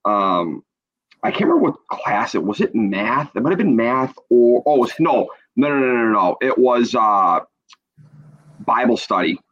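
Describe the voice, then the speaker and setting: A man's voice: mid-range voice, sing-song, moderate pace, a bit bright. An American man as a podcast guest, chatting casually with sarcastic, self-deprecating humour. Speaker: podcast guest, youth hockey coach. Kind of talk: casual anecdote and banter. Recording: slightly dull, lo-fi audio.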